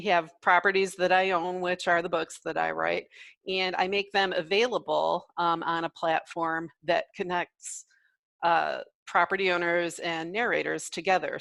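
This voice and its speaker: A woman author talking casually on a video call, thoughtful and unhurried with fillers. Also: on the low side, creaky, fairly bright tone, no room sound.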